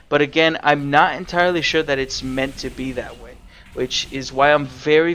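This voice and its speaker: A man's voice: a little high, fairly bright tone, slight background noise. A young man giving casual, sarcastic commentary over his own gameplay, swearing freely as he explains what he is doing. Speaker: game streamer.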